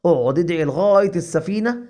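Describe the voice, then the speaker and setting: Man as irritated boat owner, Egyptian accent, scolding, brisk. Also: high voice, animated, mellow. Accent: Egyptian Arabic. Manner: scolding, bossy. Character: angry adult male boat owner.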